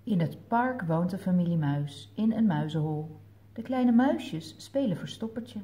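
A woman with a Dutch accent reading picture books aloud to toddlers in a gentle way, asking the children questions. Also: on the low side, expressive. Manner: gentle, slow storytelling that asks the children questions. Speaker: children's story reader.

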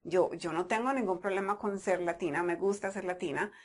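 A woman language teacher from Medellín, speaking with a paisa Colombian Spanish accent in the United States, talks to camera explaining a language topic conversationally, sometimes repeating words as she thinks. Her voice is on the low side and a little fast, with slight hiss or hum.

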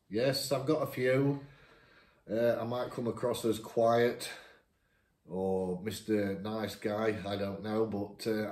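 Recorded by a camera across his dining table, a chatty man from Lincolnshire, England reads out viewers' questions and answers them in easygoing, self-mocking fashion for his YouTube channel. His voice is fairly low and a little mellow, and the room is echoey.

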